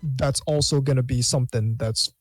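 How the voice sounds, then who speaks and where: A man talks as a guest on a podcast, earnest and a little halting as he restarts phrases. The sound is dry, with no room around it. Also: medium pitch, fairly even intonation, dry recording. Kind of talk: casual chat.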